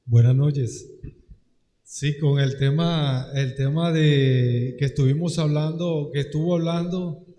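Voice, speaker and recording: A man asking a question from the floor of a Bible class into a handheld microphone, his voice booming with loud hall echo, halting and restarting his words. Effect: loud hall echo on a room microphone. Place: large echoey hall. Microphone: handheld room microphone.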